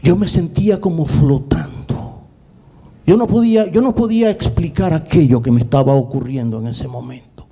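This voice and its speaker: A male pastor telling a personal story in a sermon, dramatic, repeating words and swinging between quick bursts and slow, drawn-out phrases. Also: a little high, warm tone, husky. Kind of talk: sermon testimony.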